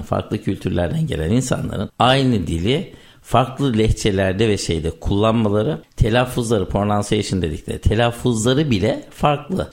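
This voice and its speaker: A man explaining things in casual conversation, telling stories and giving examples. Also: on the low side. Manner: animated storytelling with examples. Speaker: conversation leader on language learning.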